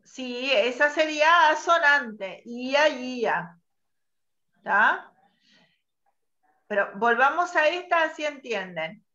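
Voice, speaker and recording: A woman's voice: high voice, animated, sharp tone. Patient woman teaching online. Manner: patient, quizzing students, spelling out sounds slowly. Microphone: video call. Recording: muffled online call audio.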